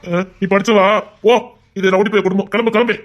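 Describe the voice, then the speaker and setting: A man playing a brash, fast-talking rowdy. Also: sits high, fairly even intonation, muffled recording, lightly acted. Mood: dismissive. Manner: scolding, rapid, exasperated. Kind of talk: amateur romance drama acting.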